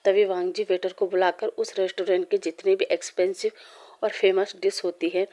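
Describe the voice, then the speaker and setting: A woman storyteller narrating fan fiction at a steady pace, in short phrases. Her voice is mellow and dark-toned. The pitch stays flat and level. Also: normal speed.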